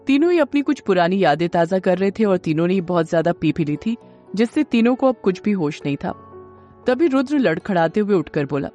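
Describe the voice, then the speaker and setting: A woman storyteller reading a scripted romance audio story in a steady, dramatic way. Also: mid-range voice. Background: faint music.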